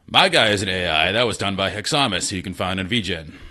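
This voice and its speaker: Fast and expressive, a gaming streamer with a low voice jokes at his own expense while chatting casually with viewers from a small spare room. His tone comes across bright and forceful through a slightly tinny desk mic with faint noise.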